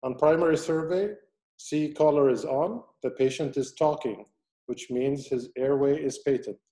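A man's voice: on the high side, normal speed, warm tone. A man lecturing online as a surgeon, teaching step by step and taking questions from his audience.

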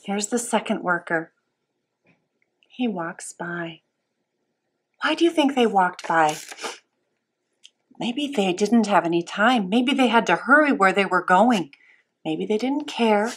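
A woman teaching a Bible lesson to young children as a Sunday school teacher, sweet and patient, asking simple questions with pauses. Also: mid-range voice, lively intonation, slightly rough.

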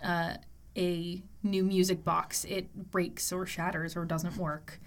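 Slow-talking woman in casual chat. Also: lowish voice, level tone, a little hiss or hum. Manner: slow, thoughtful, with frequent fillers and laughs. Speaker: podcast co-host. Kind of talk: casual chat about tabletop characters.

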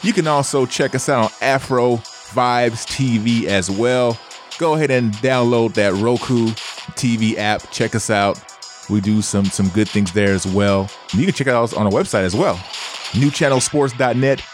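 A man hosting a casual sports talk show in an energetic, emphatic manner. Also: mid-range voice, moderate pace, soft background music. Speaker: sports podcast host.

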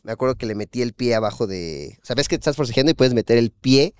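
Animated Mexican man telling stories. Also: mid-range voice, fast, clean tone, no echo, studio quality. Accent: Mexican Spanish. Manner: animated, laughing, acts out voices. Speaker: podcast co-host. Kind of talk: casual storytelling chat.

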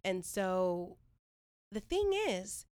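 A playwright and professor from Northern California, USA, talks through ideas in a thoughtful podcast conversation, sprinkling in many "like"s and restarts. Her mid-range voice is sing-song and very slow. It has a darkish, clear, resonant tone.

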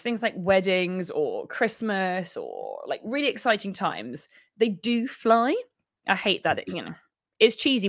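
A young woman co-hosting a podcast, with a croaky, husky voice, chatting and laughing as she rambles. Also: medium pitch, no echo, studio quality. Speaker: podcast co-host. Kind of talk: casual podcast chat.

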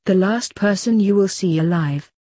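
A woman reading the lines of a stern father who works as an assassin, in a terse, lecturing manner and a husky voice. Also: mid-range voice, moderate pace, mellow, no echo, clean studio sound, close to an everyday voice.

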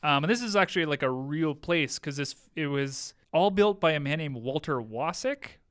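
A man's voice: a little high, lively intonation, normal speed, a bit bright, clean tone, no room sound, studio quality. A man hosting a podcast, recapping an episode in a rambling, playful way and acting out lines of dialogue. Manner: rambling, playful, acts out quotes. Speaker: podcast host. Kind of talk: casual chat recapping an episode.

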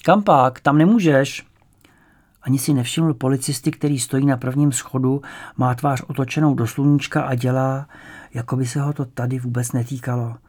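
A man reading a story aloud as an audiobook narrator, in a calm storytelling manner. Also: medium pitch. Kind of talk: scripted narration.

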